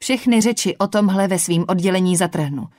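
A woman's voice: fairly low pitch, a little mellow, no echo, clean studio sound, close to an everyday voice. Woman reading a tense ship officer woman. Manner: firm, strained.

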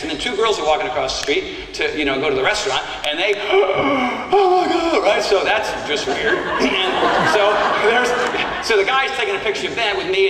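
A middle-aged man telling a story to a live audience from a conference stage, animated and moving around as he talks. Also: high-pitched, a little hiss or hum. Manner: energetic, animated, moves around the stage while talking. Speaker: fitness speaker. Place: large conference hall stage. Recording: echoey hall captured from far off. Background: audience laughter.

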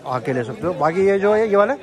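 A young man with a high, expressive voice talks fairly quickly as he vlogs his way through a busy street market, asking vendors for prices and repeating them for his viewers. It's a casual walkaround vlog filmed on a handheld camera, switching between point of view and selfie shots, with outdoor market crowd noise and chatter all around.

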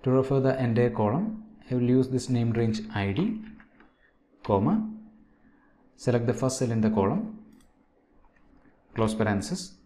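A man narrating a step-by-step software tutorial, dictating each step in short, separated phrases. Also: medium pitch, normal speed, pauses often. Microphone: voice-over on a screen recording. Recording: noisy, with keyboard and mouse clicks.

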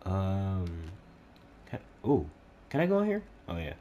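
A man giving casual let's-play commentary, excitable and chatty, reading game text aloud haltingly. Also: low voice, highs cut off. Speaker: gaming YouTuber.

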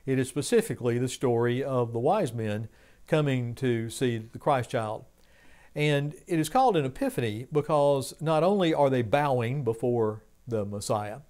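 An older man preaching a sermon from a home study, speaking in a measured, earnest way with rising emphasis on key points. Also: mid-range voice, darkish tone. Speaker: pastor. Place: home study with bookshelves, indoors.

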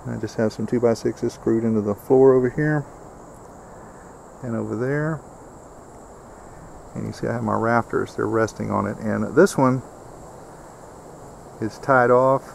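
A man's voice: mid-range voice, fairly even intonation, measured pace, creaky, pauses often, a little hiss or hum. Plainspoken man outdoors. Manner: plainspoken, many uh fillers, explains step by step. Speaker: homesteader demonstrating a build. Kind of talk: casual how-to walkthrough. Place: outdoors on a rural wooded homestead.

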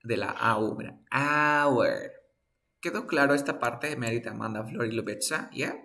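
A man's voice: mid-range voice, expressive, brisk, creaky, sharp tone. A man teaching an online English class in Spanish, explaining patiently and often asking his students questions.

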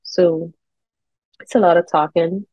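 Low-pitched, mellow, and a little slow, a woman in her thirties speaks with fairly even intonation and a Caribbean accent, with no echo. She's being interviewed over a video call, answering conversationally as an air traffic controller and children's author. The video-call sound is slightly dull.

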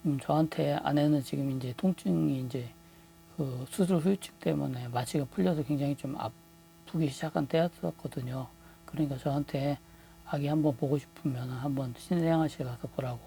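Man in his thirties, mellow dark voice, hesitant storytelling, fillers and restarts. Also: on the high side, vocal fry. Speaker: vlogger, husband recounting a story. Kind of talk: casual storytelling monologue.

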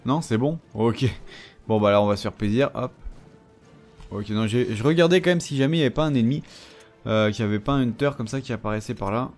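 Man, let's-play commentary, chatty, taunts enemies, mid pitch, faint game music behind. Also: quick pace, darkish tone. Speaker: gameplay commentator.

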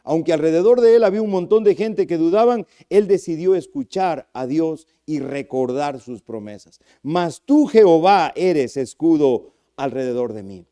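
A man preaching a passionate sermon as pastor, speaking straight to his listeners and swinging from loud cries to hushed lines. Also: on the high side, animated, moderate pace. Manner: addresses listeners directly as brother. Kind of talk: Spanish-language sermon.

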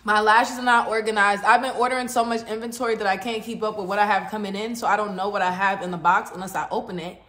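A woman's voice: mid-range voice, fairly even intonation, quick pace, hardly any pauses, a bit bright, echoey room. A young woman, talking casually to her viewers about her lash business while she eats. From Texas. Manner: chatty, addresses viewers as y'all. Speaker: lash business owner and vlogger. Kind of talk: casual vlog chat to viewers.

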